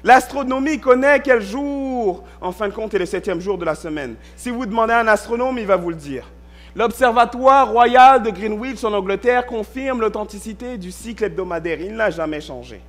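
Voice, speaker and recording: A man with a notably high voice for a male speaker preaches from a church pulpit. He reads a passage aloud and then explains it in small, methodical steps, pausing to check in with his listeners. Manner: reads scripture, then explains step by step with frequent "ok". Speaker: pastor. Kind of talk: sermon.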